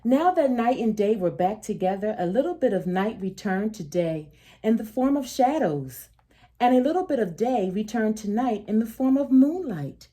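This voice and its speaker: A woman reads a children's picture book aloud like a storyteller, expressive and deliberate, leaning on emphatic phrasing and dropping soft asides to her listeners. Her voice sits a little high.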